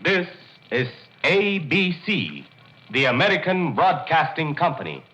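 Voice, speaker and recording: A man's voice: fairly high pitch, very animated, measured pace, pushed and bright. A man announcing in a polished, salesmanlike 1940s radio advertising style. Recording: muffled 1940s radio broadcast.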